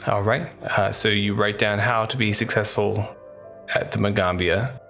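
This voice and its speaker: A man's voice: lowish voice, fairly even intonation, moderate pace, gravelly, pushed and bright, soft background music. A man narrating as game master of a tabletop game, casual and loose, with restarts.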